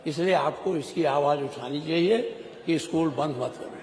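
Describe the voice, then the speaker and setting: High-voiced man scolding ministers in an echoing chamber. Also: moderate pace, darkish tone, slight background noise. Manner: rhetorical, scolding, with teasing asides to ministers. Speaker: legislator speaking in the state assembly. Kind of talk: parliamentary floor speech. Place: large legislative chamber. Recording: echoey hall broadcast audio.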